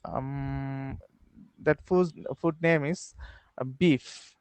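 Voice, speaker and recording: A young man from Bangladesh, learning English, speaking haltingly with many fillers and restarts on a headset during a video call lesson. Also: mid-range voice, fairly even intonation, smooth, no echo. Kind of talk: online English practice lesson. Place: small room at home, video call.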